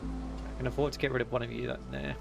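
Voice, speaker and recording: A man's voice: mid-range voice, flat delivery, fast, gravelly. A man streaming a strategy game, talking casually to himself, correcting himself and musing over choices. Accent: Australian. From Australia. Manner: thinking aloud, self-correcting. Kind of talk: casual gameplay commentary. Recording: music playing under voice.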